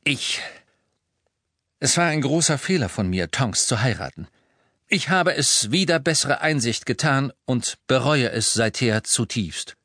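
A man's voice: medium pitch, expressive, a little slow, pushed and bright, no echo, clean studio sound, pitched above the performer's own voice, full character voice. A man reading the part of a weary, guarded middle-aged werewolf teacher in an audiobook, his speech tense and clipped. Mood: anguished.

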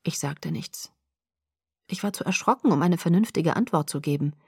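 A woman narrating a first-person audiobook in a calm, measured way. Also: sits low, gravelly, husky, no echo, clean studio sound.

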